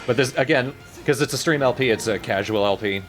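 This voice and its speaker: A man's voice: mid-range voice, a little fast, soft background music. A man giving casual, offhand gameplay commentary with a dry manner as he streams. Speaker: let's player streaming a game. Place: voice over gameplay with game music behind.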